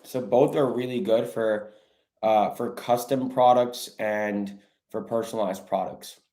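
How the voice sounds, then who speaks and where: Speaking at a measured pace, this man has a lowish, steady, dark-toned voice. On his livestream he coaches online sellers through a casual Q&A, chatting informally and calling viewers "bro" and "guys."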